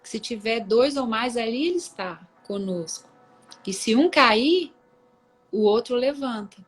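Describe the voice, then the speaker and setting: A woman's voice: on the high side, lively intonation, a little slow, husky, faint music behind, low-quality recording. Chatty woman on a video call. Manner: warm, conversational, with many tag questions. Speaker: host of a live book reading. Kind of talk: casual devotional talk on a live stream.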